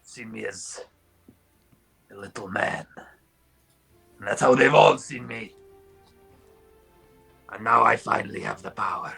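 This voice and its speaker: A man's voice: on the low side, slow, creaky, pauses often, pushed and bright, soft background music, heavily acted. A man voicing a bitter, defiant villain who resents being seen as small, in a tabletop game.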